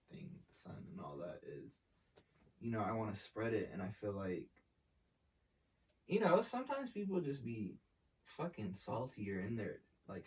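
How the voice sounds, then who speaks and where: A man's voice: on the low side, a little mellow, a little hiss or hum. A young man, talking casually in an interview in a laid-back, slangy way. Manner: laid-back slangy talk, swearing, filler-heavy. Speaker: artist and brand founder. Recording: voice from a distance off the mic.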